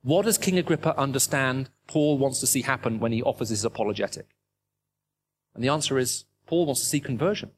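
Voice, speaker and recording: A man's voice: medium pitch, fairly quick, slight background noise. A middle-aged man with a British English accent, preaching a sermon to a live audience, emphatic and full of rhetorical questions. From raised in the Middle East.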